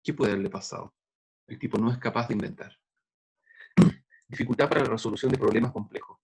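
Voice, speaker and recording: A middle-aged man lectures to university students in a loose, conversational way. His voice is husky and mid-pitched, and he stops often to work through examples. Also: a little fast, a little mellow. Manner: conversational, explains with worked examples and hesitations. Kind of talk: recorded lecture on neuropsychology.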